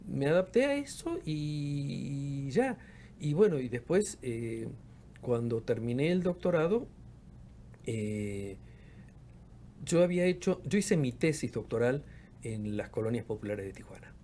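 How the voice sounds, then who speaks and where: A man in his fifties from Argentina's Patagonia, who works as a researcher and professor, chats reflectively in a relaxed interview. His mid-range voice is warm, he tends to repeat words as he hunts for them, and a slight hiss or hum sits under the recording.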